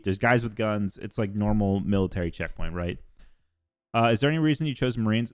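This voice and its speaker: Casual rambling young man, low voice. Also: no echo. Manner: rambling, swears casually, many fillers. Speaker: streamer. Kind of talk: casual chat.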